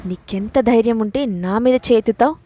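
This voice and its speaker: A woman's voice: on the high side, moderate pace, dark tone, close to an everyday voice. A woman reading the part of an arrogant, scheming older woman in an audio story, speaking angrily and boastfully. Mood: furious. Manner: angry, boastful.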